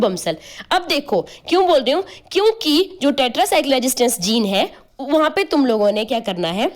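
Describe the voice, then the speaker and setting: Woman, biology teacher, lively rising and falling pitch, spells terms letter by letter. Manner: explains step by step, often asks "clear?" and "okay?"; spells out terms letter by letter, uses playful memory tricks. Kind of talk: online class lecture.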